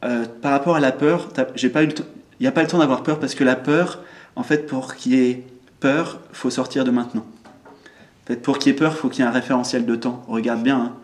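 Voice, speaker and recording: A man calmly reflecting, as a spiritual teacher, in a group discussion, pausing often. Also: medium pitch. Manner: calm, reflective, hesitant with many pauses. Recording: roomy echo.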